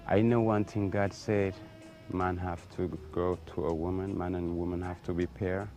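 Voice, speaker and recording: A man answering an interview in a plain-spoken, unhurried way. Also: low voice, level tone, darkish tone, soft background music. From Ethiopia.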